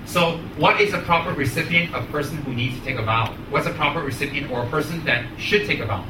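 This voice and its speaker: An American man, a Buddhist teacher, gives spoken teaching and puts questions to his students in an echoey room. His voice is a little high, and he speaks emphatically and deliberately, using short repeated phrases. The mic is distant, and the noise is clear.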